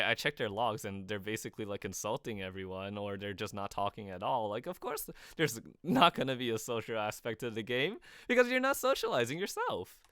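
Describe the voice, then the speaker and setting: Rambling young man, smooth low voice. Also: fairly bright tone, no room sound, clean studio sound. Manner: rambling, lots of filler words and restarts. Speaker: streamer. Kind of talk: casual livestream commentary.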